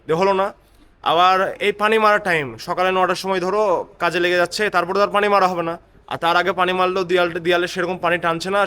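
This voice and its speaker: Vlogging with a cold, a high-pitched Bengali man who supervises labour on a construction site chats casually to camera, rambling and repeating phrases. His tone is sharp, clear and resonant. Street and construction site noise surrounds him as he moves along busy streets and a building site.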